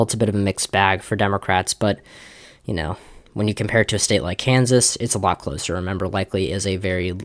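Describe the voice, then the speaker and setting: Low-voiced young man, casual political commentary. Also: creaky, no room sound, studio quality. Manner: casual, many fillers and restarts. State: slightly out of breath. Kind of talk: election prediction commentary.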